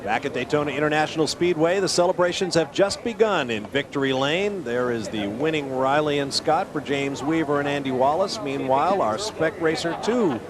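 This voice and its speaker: Guy anchoring a race broadcast, quick, kinda highish voice, jokes about his own flubs. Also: lively intonation, a crowd in the background. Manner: brisk, self-mocking about a slip. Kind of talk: TV race commentary.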